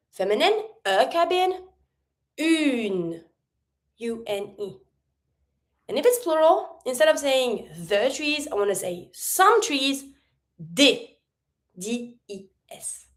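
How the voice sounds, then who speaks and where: A woman teaching a French lesson in English, sounding out French words slowly and carefully as she explains. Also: on the high side. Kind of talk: online language lesson.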